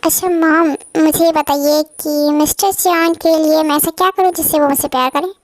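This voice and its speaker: A woman's voice: high-pitched, fairly even intonation, normal speed, no echo, lightly acted. A woman doing a sweet, polite young wife. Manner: polite, soft-spoken. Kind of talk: fan dub drama.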